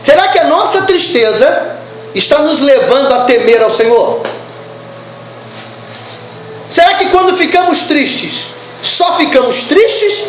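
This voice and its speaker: Woman, preacher, sermon, swooping animated delivery, roomy echo, faint background hiss. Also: high-pitched, slow, pauses often. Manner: animated, asks the congregation questions. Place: church service.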